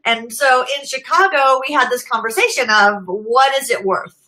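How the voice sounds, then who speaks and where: Middle-aged american lady chatting on a livestream, bright voice, laughs a lot, talks to viewers by name. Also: high-pitched, moderate pace, low-quality recording. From United States. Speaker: social media marketing host. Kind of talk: casual live-stream chat.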